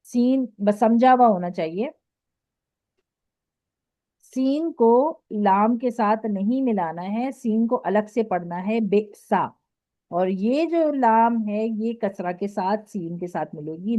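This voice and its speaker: A woman with an Urdu accent teaching Quran recitation rules in an online lesson. She explains patiently, keeps checking with "okay", and recites her examples slowly. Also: medium pitch, warm tone, no echo. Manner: slow drawn-out recitation of examples. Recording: dry, dull lo-fi audio.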